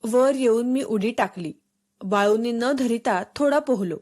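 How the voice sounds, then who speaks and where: A woman narrating a storybook for schoolchildren in a steady, expressive read-aloud. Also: fairly high pitch, a little slow.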